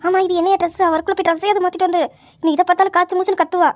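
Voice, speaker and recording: A woman's voice: very high-pitched, flat delivery, very fast, dry recording. A woman playing a fussing, resigned middle-aged aunt in a comedy sketch.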